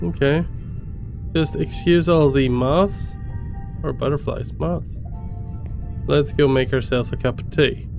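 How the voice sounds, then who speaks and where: A man giving casual let's-play commentary, muttering to himself in a jittery, jokey way with a gravelly voice. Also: on the high side, fairly even intonation, slow, long pauses, music in the background. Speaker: video game streamer.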